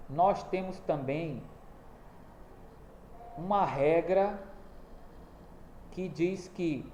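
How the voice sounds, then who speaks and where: A man teaching a recorded school lesson, explaining step by step and checking in with quick tag questions. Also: a little high, mellow. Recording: echoey room with faint background noise.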